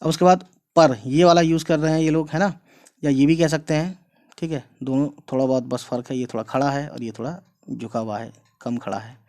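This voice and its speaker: A man's voice: on the high side, fairly even intonation, fairly quick, darkish tone. A man teaching an Urdu lesson online, explaining patiently and repeatedly, checking in with viewers and calling them guys. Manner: addresses viewers casually as guys.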